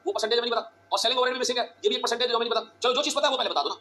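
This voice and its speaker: Fast-talking, bright-voiced male teacher. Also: extremely high pitch, slight background noise. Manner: fast, urgent, repeats phrases, quizzes students. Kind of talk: classroom lecture. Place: classroom.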